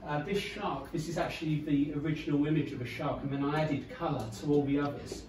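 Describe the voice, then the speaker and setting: A man's voice: on the high side, fairly even intonation, brisk, background noise. A man talking loosely about his photos at an exhibition, with fillers. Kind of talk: informal gallery talk. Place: small gallery room with photos on the walls. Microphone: far camera. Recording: echoey room, distant mic, people around.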